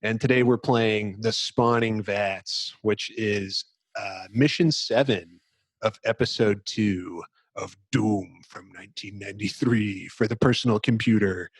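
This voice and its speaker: His voice runs on the low side, unhurried and with a breathy edge, and no room sound is audible. As a podcast host close on the microphone, he chats casually but presentationally and reads dramatically from a book.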